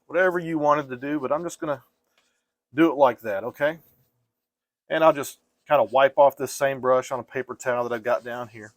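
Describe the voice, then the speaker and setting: A man teaching painting step by step in a casual, gentle and reassuring way, like an easygoing instructor. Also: medium pitch, brisk, no echo.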